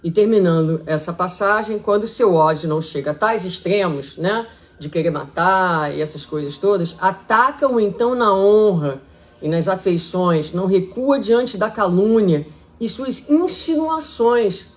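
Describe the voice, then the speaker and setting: A woman with a Brazilian Portuguese accent delivers a public spiritist lecture in a conversational style, at medium pitch and a little slowly. She acts out quoted speech with lively shifts in voice.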